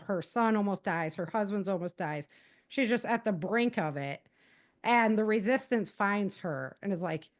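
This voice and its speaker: On a podcast, an American woman casually sums up her own novels, telling the stories loosely and conversationally like an author would. She sounds animated and informal, with a middle pitch for a woman.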